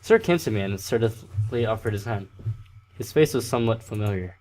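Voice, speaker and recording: A man's voice: fairly low pitch, animated, fast, darkish tone. A man hosting a let's play, casually reading a visual novel aloud and often tripping over and restarting words. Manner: casual, stumbling over words, self-correcting.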